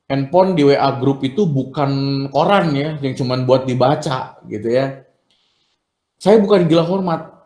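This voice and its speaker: A man's voice: on the high side, darkish tone. Echoey-roomed male teacher. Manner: chatty, acts out polite phrases. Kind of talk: online class lecture. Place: room at home or school, video meeting.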